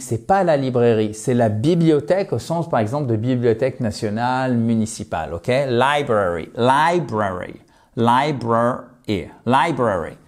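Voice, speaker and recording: A man teaching English vocabulary in a lesson, lively and enthusiastic, repeating words slowly for pronunciation. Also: medium pitch. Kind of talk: language lesson.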